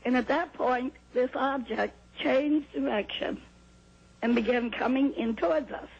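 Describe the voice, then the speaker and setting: Older lady telling her story on an old vhs tape, gravelly and husky, muffled sound. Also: sits high, a little slow. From New Hampshire, USA. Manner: calm, plain storytelling with small laughs and restarts. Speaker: interview guest. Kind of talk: recounting a personal experience in an interview.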